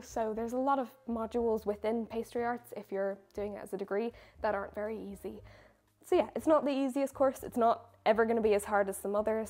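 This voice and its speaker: A young woman who bakes and makes videos answers viewer questions in a chatty, self-mocking way. Her voice sits on the high side and sounds a little mellow.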